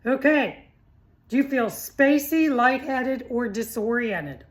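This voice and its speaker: Slow-paced but animated, this high-voiced middle-aged woman is a health vlogger delivering a chatty, informal talk. She's blunt and teasing, throwing rhetorical question after rhetorical question at her listener.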